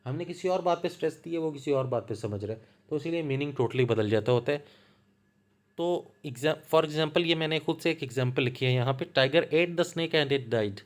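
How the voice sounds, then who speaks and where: A man with a Punjabi accent giving a slow, patient lecture, explaining ideas through worked examples. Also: on the high side, a little mellow. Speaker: literature lecturer.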